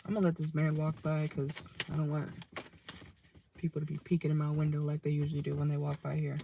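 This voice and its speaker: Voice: medium pitch, completely flat delivery, fast, gravelly, noisy background. A young adult tarot reader giving a casual reading from a parked car, chatty and loose, swearing now and then and tagging nearly every line with "okay?".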